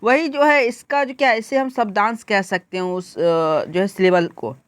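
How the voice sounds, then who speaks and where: A woman teaching an exam-prep lesson, slowly reading out English definitions and then explaining them in Hindi with many fillers. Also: a little high, expressive, dry recording. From India.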